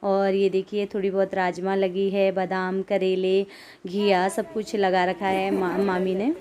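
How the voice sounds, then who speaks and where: Himachali woman vlogger, casual and chatty, narrates for viewers, mid-pitched voice. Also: completely flat delivery, a little slow, darkish tone. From Himachal Pradesh, India. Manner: chatty, talks straight to viewers.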